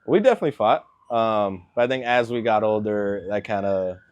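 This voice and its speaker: A man in his twenties, born in Venezuela and raised in Miami, answering interview questions as an NFL kicker in a relaxed way, with lots of filler words. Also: on the low side, normal speed, clear, resonant tone, muffled recording. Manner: laid-back, lots of ums and likes.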